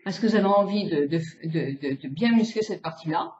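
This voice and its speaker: A woman's voice: lowish voice, animated, brisk, darkish tone. A French beautician in her sixties giving a chatty, demonstrative face-exercise lesson, stretching out vowel sounds as she goes. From France. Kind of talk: casual face-exercise tutorial. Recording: roomy, slightly dull home video.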